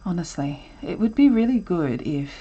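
Teaching a live drawing session from home, this woman talks in a low, very animated, slightly rough voice at a moderate pace. She's chatty and rambling, interrupting herself with ums, and the recording sounds muffled.

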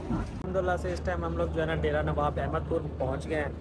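With a fairly high, fairly even voice, he talks fast against a noisy background. It's a casual travel vlog: a man with a Pakistani Urdu accent films his train trip from a station platform and carriage, narrating in a chatty, teasing way.

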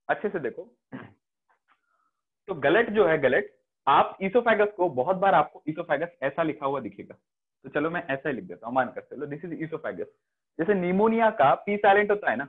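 A man with an Indian accent teaching a biology class online, mixing Hindi and English and often checking that students follow. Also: fairly high pitch. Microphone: video call. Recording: phone-like online class audio.

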